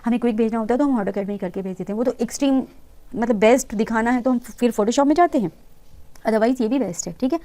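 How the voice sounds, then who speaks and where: A woman teaching interior design, patiently walking viewers through each step of a software tutorial and mixing English terms into her talk. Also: on the high side, fast. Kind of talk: screen-recorded software tutorial.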